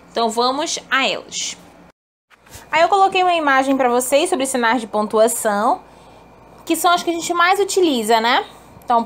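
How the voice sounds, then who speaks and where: A woman teacher with a slightly high voice walks through her lesson at an unhurried, patient pace. She keeps checking in with her students and speaks to them affectionately, the way a teacher does in an online class. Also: a bit bright, a little hiss or hum. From Brazil. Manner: patient, explanatory, uses tag questions and affectionate asides. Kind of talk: online class explaining punctuation.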